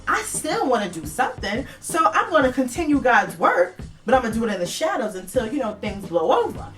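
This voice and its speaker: A woman's voice: fairly high pitch, very animated, fairly quick, fairly bright tone, far from the mic, soft background music. A woman voicing a weary, stubborn older male bishop who speaks in a matter-of-fact, dismissive way. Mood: defensive.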